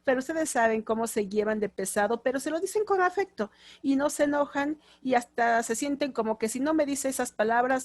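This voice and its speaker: Mexican woman teaching a class, high voice. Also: no echo. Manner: explanatory, acts out short quoted lines in different tones. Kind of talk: classroom lecture.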